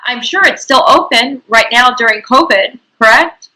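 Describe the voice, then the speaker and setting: A woman's voice: on the high side, moderate pace, bright, forceful tone, poor audio. A woman hosting an interview, speaking indignantly and emphatically, repeating her points. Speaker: interviewer, host.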